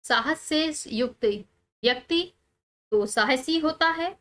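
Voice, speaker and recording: A woman teacher, calmly explaining textbook answers step by step and pausing on key words. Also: high-pitched.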